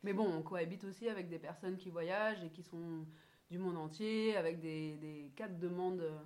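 A young woman guest in a casual podcast chat, talking hesitantly with many pauses and soft laughs. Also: lowish voice.

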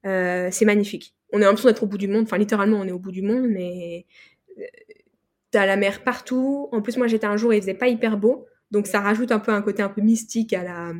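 A woman's voice: mid-range voice, steady tone, quick pace, darkish tone. A young woman from France, a podcast guest, recounting a trip in a loose, rambling way with many fillers and restarts. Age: young adult. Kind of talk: casual interview chat.

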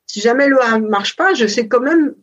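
A woman's voice: a little high, animated, moderate pace. A woman in her forties, a business founder, talking through her experience in a casual interview, thoughtful and hesitant with many fillers. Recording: dull lo-fi sound.

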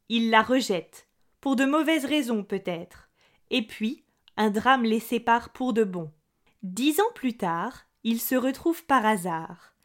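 Woman podcast host, fairly high voice, clear teaching delivery, friendly and direct with listeners. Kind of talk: clear, slow-paced podcast lesson for learners.

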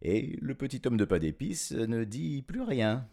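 A man telling a children's storybook tale with a playful, lively manner. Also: mid-range voice, a little slow, gravelly. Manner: lively, playful, laughing asides. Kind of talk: storybook reading.

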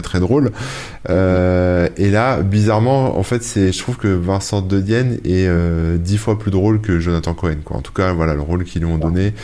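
Deep voiced guy chatting about a movie he saw, lots of euh and hein. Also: warm tone. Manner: rambling, hesitant, frequent "euh" and "hein". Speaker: podcast co-host. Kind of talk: casual chat, reviewing a film.

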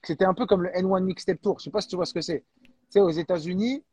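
A man talking in a casual chat as a guest, animated and slangy, often restarting and repeating words. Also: sits high, quick pace, husky, dry recording. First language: French. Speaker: guest, freestyle football creator.

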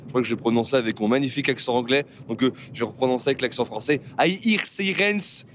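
A man's voice: mid-range voice, steady tone, racing, a little hiss or hum. A French man chatting casually from inside a car, with a joking manner. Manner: joking, mock-grumpy. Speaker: podcast co-host.

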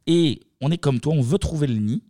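A man hosting a podcast, recapping a film in an animated, sarcastic way. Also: fairly high pitch, brisk, dry recording, studio quality. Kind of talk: casual chat.

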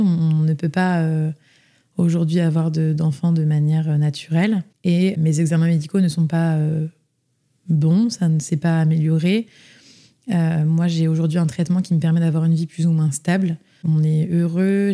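Young woman chatting on a podcast, low dark voice, lots of euh and restarts. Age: young adult. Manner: chatty, many fillers and restarts. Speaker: interview guest. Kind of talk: casual podcast interview.

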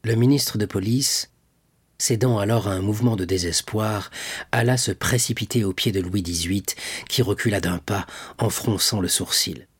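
A man narrates an audiobook in a steady, measured way. His voice is husky, and the recording is close and dry. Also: fairly low pitch, no echo. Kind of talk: scripted narration.

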